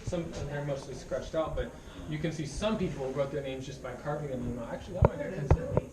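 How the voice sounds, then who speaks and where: A woman's voice: deep voice, fairly quick, heavy background noise. A woman guiding a group tour with a part-rehearsed explanatory speech, her voice echoing in a cave. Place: inside a show cave. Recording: echoey cave, distant mic, chattering tour group.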